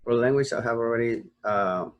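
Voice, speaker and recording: A sleepy young American man, an online marketing tutor, talks through a screen-recorded tutorial in a brisk, medium-pitched voice. He rambles with fillers and restarts and keeps checking in with "okay?"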